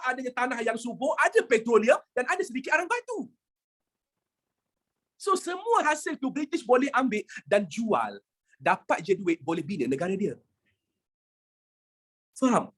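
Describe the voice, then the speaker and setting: Husky animated Malaysian history teacher. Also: mid-range voice. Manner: animated, asks rhetorical questions, mixes English phrases, jokes with class. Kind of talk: lively classroom lecture.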